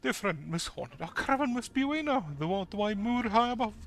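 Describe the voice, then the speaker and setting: Guy doing a grandiose flea caravan showman, video game character, high voice, super effusive and theatrical. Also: animated, fast talker, creaky, a bit bright, full character voice. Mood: grand, delighted. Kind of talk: voicing game dialogue aloud.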